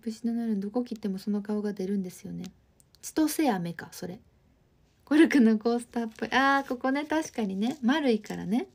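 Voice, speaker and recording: Gravelly Osaka-accented young woman chatting. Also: on the high side, expressive, fairly quick. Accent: Osaka dialect. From Osaka, Japan. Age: 20s. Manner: chatty, friendly, answers comments directly. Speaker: livestream host. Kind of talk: casual chat reading viewer comments.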